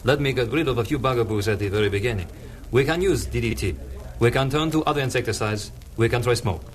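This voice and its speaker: An actor playing a learned, courteous male insect scientist with formal, measured phrasing, in old radio show style. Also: medium pitch, crowd noise, close to an everyday voice. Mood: emphatic.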